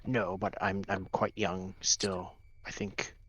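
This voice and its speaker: A man's voice: sits low, level tone, slow pace, fairly bright tone, slightly rough, no room sound. A man chatting casually as a player in a tabletop fantasy game.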